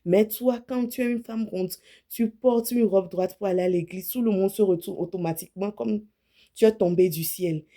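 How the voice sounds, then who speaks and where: With a medium-pitched voice, a dark tone and a normal pace, this woman in her thirties shares frank, casual advice on what to wear. An image consultant, she speaks to camera and keeps correcting herself mid-sentence.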